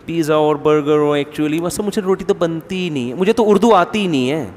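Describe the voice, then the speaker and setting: A woman's voice: low voice, brisk, darkish tone, in a large hall, a little hiss or hum, lightly acted. A man voicing a spoiled, sarcastic young daughter-in-law talking back. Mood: snippy.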